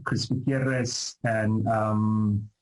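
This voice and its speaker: A middle-aged man, a professor answering interview questions in a thoughtful way, building his ideas in short listed phrases with frequent pauses. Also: lowish voice, little pitch movement. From Turkey. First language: Turkish. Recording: roomy echo.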